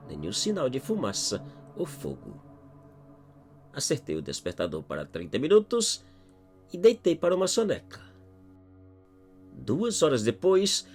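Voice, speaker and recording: Brazilian man narrating horror, lively rise and fall. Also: on the high side. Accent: Brazilian Portuguese. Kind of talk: scripted first-person horror narration. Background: background music.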